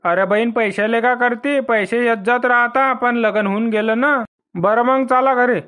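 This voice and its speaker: A man's voice: very high-pitched, fairly even intonation, a little slow, pushed and bright. A man, voicing the brash, blustering characters of a village cartoon comedy.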